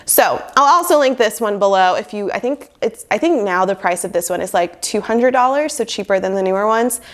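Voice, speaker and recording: Speaking a little fast in an expressive, medium-pitched voice, a twenty-something lifestyle vlogger with a cold sounds nasal but cheerful as she chats to camera, peppering her talk with "like." She is indoors in a small bedroom office, using a lapel mic plugged into her phone.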